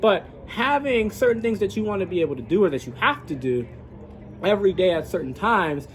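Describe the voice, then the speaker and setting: A man's voice: high-pitched, expressive, brisk. A man who works as a coach, thinking aloud in a casual, reflective, rambling vlog monologue outdoors. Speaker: fitness coach and gym owner vlogger.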